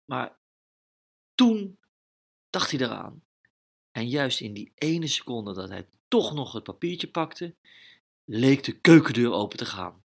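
A man narrating a children's adventure story with lively, dramatic delivery. His pitch stays mid-range, and he throws in his own sound effects as the plot races on. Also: gravelly.

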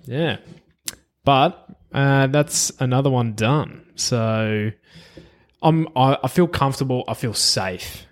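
A man's voice: mid-range voice, takes it slowly. An Australian man who co-hosts a casual chat of horse racing tips, talking as a tipster.

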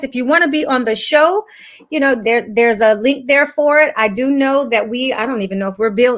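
A woman's voice: high voice, a bit bright. A woman hosting a live podcast over a video call, chatty and often repeating words as she thinks. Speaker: podcast host.

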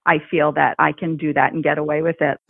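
A woman co-hosting a podcast, chatting casually and telling animated stories with frequent laughs. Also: sits low, fairly quick, creaky, background noise. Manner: animated storyteller who laughs often. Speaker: podcast co-host. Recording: thin phone-like sound, dry.

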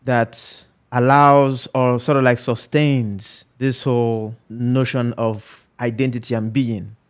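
A man conducts a conversational interview in an engaged, thoughtful way. He builds long reflective questions and retells stories at length. His voice sits at a middle pitch. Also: level tone, takes it slowly. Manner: engaged, relays anecdotes, frequent listening murmurs.

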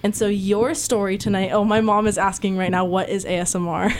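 A woman's voice: mid-range voice, flat delivery, fairly quick, slight background noise. Chatty young woman hosting a podcast. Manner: chatty, lots of "like" fillers. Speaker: podcast host. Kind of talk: casual chat.

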